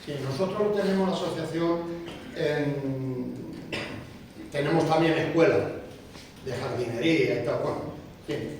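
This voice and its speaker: A man's voice: a little high, unhurried, long pauses, a little mellow, slight background noise. A man chatting casually and friendly with other bonsai growers. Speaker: visitor from another bonsai association. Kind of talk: casual chat. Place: exhibition hall. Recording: very echoey hall, far-off mic.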